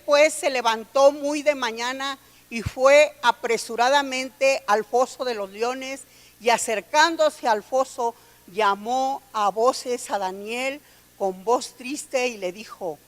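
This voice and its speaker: Woman preaching, slow and a bit high, reads scripture out, long hall echo. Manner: reads scripture aloud, calls listeners brother and sister. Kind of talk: sermon with scripture reading.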